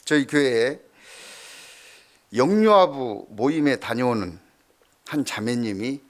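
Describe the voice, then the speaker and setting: A middle-aged male pastor preaching a sermon, telling stories with swings from loud to hushed. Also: mid-range voice, expressive, takes it slowly.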